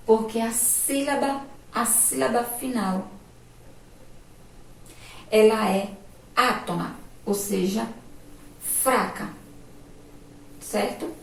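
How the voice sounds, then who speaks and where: A woman primary school teacher from Sergipe in Brazil gives a remote spelling lesson to young children. She talks slowly and patiently and keeps asking the children if they follow. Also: medium pitch. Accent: Sergipe Brazilian Portuguese. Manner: slow, patient, asks checking questions. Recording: echoey room, voice from a distance.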